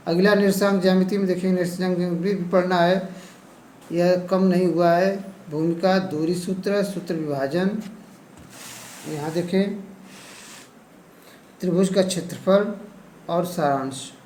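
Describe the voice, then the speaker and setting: A man's voice: high-pitched, steady tone, a little slow, pauses often, a little mellow, echoey room, a little hiss or hum, low-quality recording. A male teacher with an eastern Uttar Pradesh Hindi accent who goes over a syllabus topic by topic and keeps saying "ठीक है". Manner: repeats "ठीक है", lists topics one by one. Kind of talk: lesson going over a syllabus.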